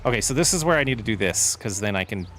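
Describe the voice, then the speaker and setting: A man's voice: on the low side, lively intonation, fast, fairly bright tone. A man streaming a farming game, chatting casually with his audience and rambling through answers to chat questions. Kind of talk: casual live-stream chat while gaming. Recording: faint game vehicle noise behind.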